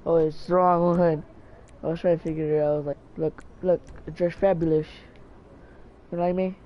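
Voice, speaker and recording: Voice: mid-range voice, little pitch movement, fast, muffled recording. A gamer giving casual commentary over their own gameplay, chatty and talking back to the characters on screen. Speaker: gamer narrating own play.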